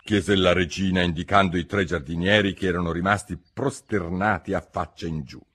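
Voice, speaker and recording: A man narrating a children's classic as an audiobook, in an animated, theatrical manner. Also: deep voice, normal speed, breathy edge. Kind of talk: audiobook reading.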